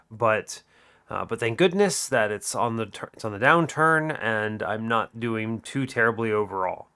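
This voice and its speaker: Into a desk microphone, a young gaming-channel host gives commentary on a card game while ill, rambling and correcting himself as he goes. His voice is fairly low, sharp and clean in tone, though muted and slightly nasal.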